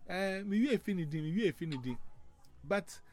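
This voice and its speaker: A man's voice: high-pitched, normal speed, a crowd in the background. A man with a Ghanaian accent, a native Twi speaker, chatting casually and mixing Twi with English. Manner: lively, switches between Twi and English, laughs often. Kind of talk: casual chat.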